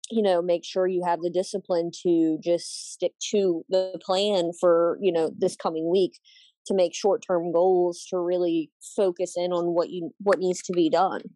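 A woman talking in a casual chat about her fitness progress as a coaching client, reflective and halting, with many "um"s and restarts. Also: fairly low pitch, little pitch movement, warm tone, dry recording. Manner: reflective, halting, frequent "um" and repeated starts. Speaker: coaching client and guest host.

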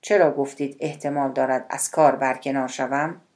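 A woman's voice: very deep voice, fairly even intonation, darkish tone. A woman voicing a polite, cautious male government spokesman. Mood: courteous.

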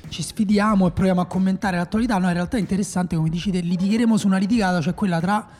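A man's voice: high voice, steady tone, very fast, darkish tone. A man co-hosting a casual podcast debate, speaking loosely, joking and thinking aloud. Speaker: podcast co-host.

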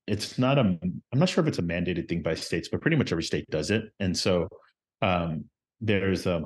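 A man from Miami, a company founder and podcast guest, answering casually with many ums. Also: deep voice. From Miami, Florida.

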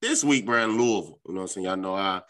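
A man's voice: sits low, rapid-fire, fairly bright tone. A man hosting a podcast, talking casually and bluntly in heavy slang with lots of swearing. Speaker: podcast host. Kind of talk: casual, profane podcast rant.

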